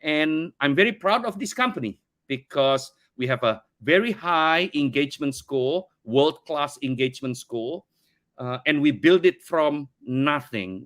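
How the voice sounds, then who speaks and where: Guesting on a podcast, this Indonesian CEO in middle age recounts his story earnestly in English, his second language, frequently repeating words as he gropes for the right phrasing. The conversational interview captures a fairly bright voice on the high side.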